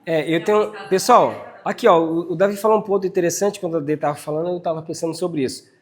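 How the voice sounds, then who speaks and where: A man leading a casual workplace training talk, animated and addressing his team directly with frequent tag questions. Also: a little high, fast talker. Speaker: team leader giving a workplace briefing.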